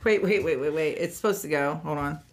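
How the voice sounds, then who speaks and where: A woman's voice: deep voice, brisk, noisy background. A woman co-hosting a casual podcast, playing a guessing game in a blunt, playful way and laughing often. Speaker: podcast co-host. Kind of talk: casual chat over a party game.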